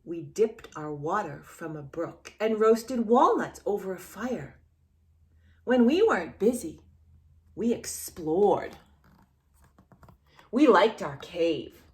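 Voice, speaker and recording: In a mid-range voice, slowly and with frequent pauses, a children's storyteller and channel host reads a picture story aloud. She's playful and expressive, asking the child questions directly and reacting in exaggerated ways.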